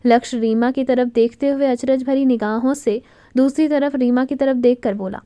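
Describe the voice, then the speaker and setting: High-voiced woman narrating a romance. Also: moderate pace, no room sound. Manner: expressive, dramatic reading. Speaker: storyteller. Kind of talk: scripted story narration.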